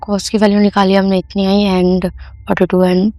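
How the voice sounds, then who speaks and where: A woman's voice: medium pitch, completely flat delivery, normal speed, darkish tone, lightly acted. A woman playing a friendly classmate who explains a lesson in a casual way in an amateur horror drama. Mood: explaining. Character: friendly schoolgirl friend, a bit reluctant.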